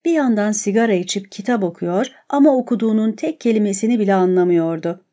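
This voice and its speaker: Woman reading a novel out loud, calm and measured, warm mellow voice. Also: medium pitch. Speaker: audiobook narrator. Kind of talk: scripted narration of a novel.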